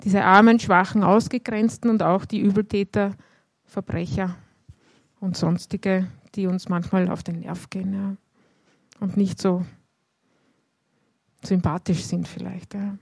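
A woman's voice: medium pitch, fairly even intonation, measured pace, vocal fry, pauses often, breathy edge, dry recording. Woman preaching with a dry, close sound. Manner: conversational, frequent "ja" tags. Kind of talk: sermon with Bible reading.

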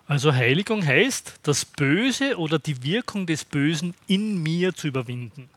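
A male preacher talks slowly and deliberately, with a slightly husky voice. His pitch sits somewhat high for a man. The sound is dry, with little room echo. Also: big pitch swings, fairly bright tone. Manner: conversational, checks in with the congregation by asking "Ja?". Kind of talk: sermon.

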